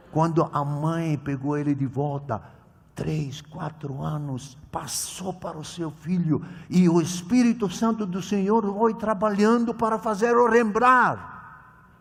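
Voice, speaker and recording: A non-native Portuguese speaker preaches a sermon at a children's ministry conference, his high, animated voice swinging between loud exclamations and quiet asides. He is emphatic yet halting, often restarting, repeating and correcting words mid-phrase. Echoey hall reverb surrounds him.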